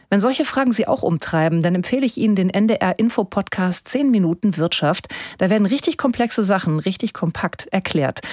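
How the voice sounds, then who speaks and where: A woman hosting a podcast, presenting scripted segments in a smooth, upbeat tone. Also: fairly low pitch, a little mellow, dry recording, studio quality. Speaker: podcast host.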